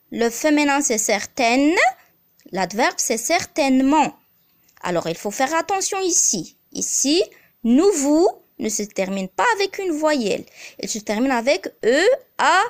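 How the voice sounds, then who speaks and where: Woman teacher, unhurried and deliberate, spells words letter by letter and repeats examples. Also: high-pitched. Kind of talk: slow grammar lesson.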